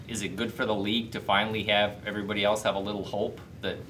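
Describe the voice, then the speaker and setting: A man's voice: fairly low pitch, flat delivery, fast talker, fairly bright tone. A man asking questions as a reporter at a press conference. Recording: distant mic, faint room noise.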